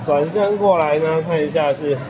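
A food vlogger with a Taiwanese Mandarin accent chats casually as he strolls through a crowded hotel buffet, naming the dishes one after another and often tacking on little tags like "ha" and "a." His voice is fairly high and his speed normal, with music and a noisy crowd behind him.

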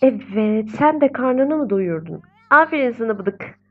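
A woman's voice: fairly high pitch, expressive, unhurried, phone-quality sound. Chatty, exasperated woman narrating her gameplay. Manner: chatty, exasperated, coos at the game babies. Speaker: gaming video host. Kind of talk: casual gameplay commentary.

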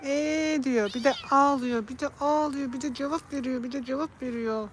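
A woman's voice: high-pitched, moderate pace, slight background noise. A woman from Turkey chatting casually on a live stream, talking about and calling to her cats. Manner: chatty, coos and calls to her cats in a raised voice.

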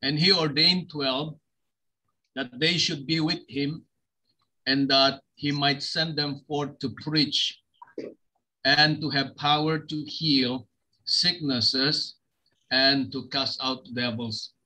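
Man from sabah, pastor, video call, bright voice, hesitant with many fillers. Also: on the high side, fairly even intonation, slow, rough recording. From Sabah, East Malaysia. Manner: hesitant, many fillers, switches between English and Malay. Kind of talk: testimony sermon with scripture reading.

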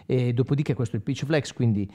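In an informal video tutorial, a guitar instructor and product demonstrator explains things between guitar demos in a quick, mid-range voice, often checking in with the listener. The recording is dull and lo-fi, dominated by loud electric guitar with effects.

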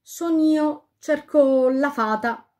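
A woman's voice: sits high, drawn-out words, darkish tone, pitched above the performer's own voice. A woman voicing a cunning, determined fairy-tale queen giving orders.

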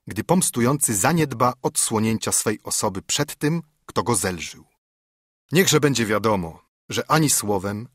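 A man narrating an audiobook in a measured, formal way. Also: on the low side, a bit bright, no room sound, studio quality.

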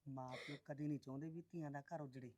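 A man's voice: on the high side, steady tone, fast, darkish tone, close to an everyday voice. An actor playing a patient middle-aged father who soothes and coaxes his married daughter to stay with her in-laws. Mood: coaxing. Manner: soothing, coaxing.

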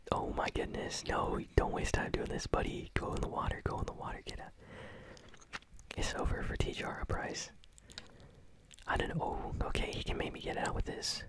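A gaming channel host whispering ASMR commentary while chewing gum and reacting excitedly to a match. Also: normal speed, poor audio. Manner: whispering throughout.

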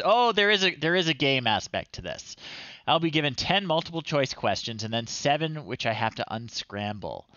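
A livestream host in his thirties gives casual, wry commentary while he plays, chatting to himself, thinking out loud, and reading screen text aloud. His mid-range voice is recorded with no room sound and the highs cut off.

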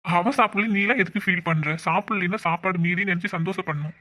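A woman voicing an easygoing young husband who teases and gently coaxes a child in a cartoon. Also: on the low side, fast talker. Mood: teasing. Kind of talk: cartoon voice acting. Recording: dull lo-fi recording.

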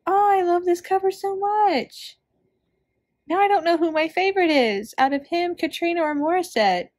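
A woman's voice: very high voice, moderate pace, darkish tone. A woman hosting a music reaction video, talking casually and effusively, rambling with fillers and restarts. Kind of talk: casual reaction chat to camera.

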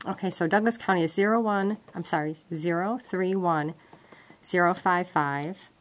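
A woman instructor sits at a wooden table indoors and demonstrates a gadget step by step, explaining it in an informal, practical, conversational way. Her lowish voice moves at a moderate pace. An off-screen handheld camera mic captures noisy amateur camcorder sound full of clicks and beeps.

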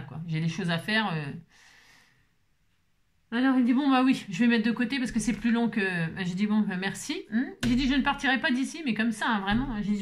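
A middle-aged woman hosting a crafting channel, telling stories in a casual, lively way with lots of fillers. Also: fairly high pitch. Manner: lively, animated storyteller with many fillers. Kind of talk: casual chatty vlog storytelling.

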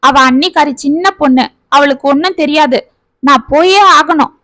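A woman's voice: sits high, moderate pace, fairly bright tone, no room sound. A woman voicing a devoted older mother who insists on going to help her daughter-in-law. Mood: insistent. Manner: earnest, insistent.

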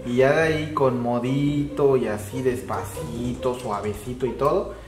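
A young man with a Mexican accent acting an excitable, scheming friend in a web comedy sketch, theatrical and slangy. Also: mid-range voice, measured pace, natural voice. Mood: coaxing. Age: young adult. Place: indoors in a bare, hard-walled house room. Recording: roomy echo, music bed behind.

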